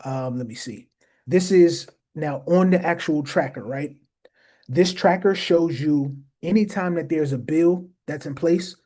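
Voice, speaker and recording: A man's voice: fairly high pitch, measured pace, darkish tone. A man hosting a casual explainer talk, speaking emphatically to his viewers and often repeating phrases for stress. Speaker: host.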